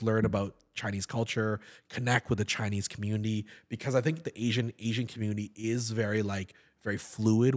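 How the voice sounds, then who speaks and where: Recorded close and clean on a boom-stand studio mic, an actor and comedian in his thirties chats casually in a podcast interview. His voice sits a little low, and he speaks animatedly, stumbling over repeated words and restarting sentences.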